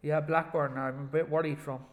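A man's voice: on the high side, little pitch movement, moderate pace. A man co-hosting a casual football discussion, conversational and opinionated, in an echoey room. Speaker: podcast co-host.

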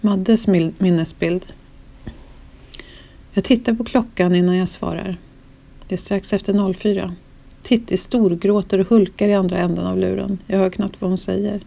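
A woman slowly reading a first-person memoir in a solemn, grief-laden narration. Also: mid-range voice, steady tone, creaky, warm tone.

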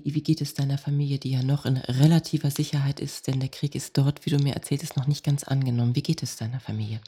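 A woman hosting a cultural podcast, introducing and questioning her guest in a measured way. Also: extremely low pitch, warm tone, breathy edge. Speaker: podcast host.

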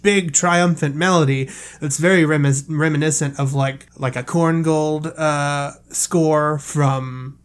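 Casual man explaining film scores. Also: a little high. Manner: explanatory, casual swearing, filler-heavy. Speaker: podcast co-host. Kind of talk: casual film-music discussion.

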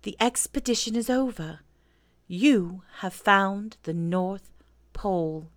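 A woman's voice: sits high, sing-song, a little slow, no room sound, voice pushed up. A woman voicing an earnest, curious, kindly little boy in a storybook, with a childlike manner. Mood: solemn. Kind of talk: storybook character voice.

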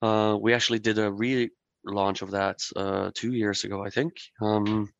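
A man from Norway, a brewery guest in a podcast interview, speaking haltingly with many fillers and restarts. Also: fairly low pitch, flat delivery, creaky, lo-fi sound.

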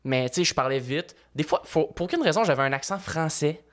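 Animated Québécois man telling stories. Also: fairly high pitch, a little fast. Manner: animated storyteller, laughs often. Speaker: podcast host. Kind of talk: casual chat.

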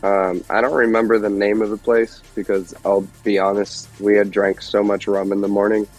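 A man's voice: lowish voice, little pitch movement, normal speed, darkish tone, faint music behind, low-quality recording. A man in his thirties from Detroit, a guest musician chatting casually and rambling through stories with lots of fillers. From Detroit, USA. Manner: rambling, laid-back storytelling with many fillers. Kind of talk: casual chat.

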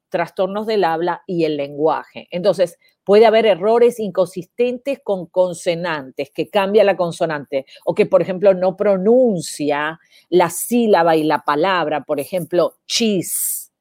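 A woman's voice: lowish voice, darkish tone, no echo, studio quality. A woman, teaching parents in an informal way, explaining with many examples and rhetorical questions. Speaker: educator on child speech disorders.

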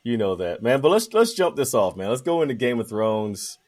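A man with a mid-pitched voice hosts a podcast. He talks casually and informally, with plenty of slang and friendly filler address. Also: very animated, normal speed, a little mellow. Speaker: podcast host. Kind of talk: casual chat.

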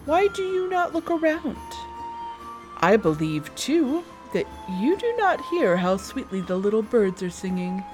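A woman voicing a sly, hungry male wolf who talks low, slow and coaxing.

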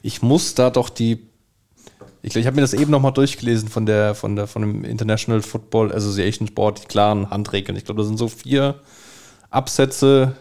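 A man's voice: lowish voice, fairly even intonation, a little fast, darkish tone. A man co-hosting a football podcast, getting worked up and emphatic. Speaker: podcast co-host. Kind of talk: casual football chat.

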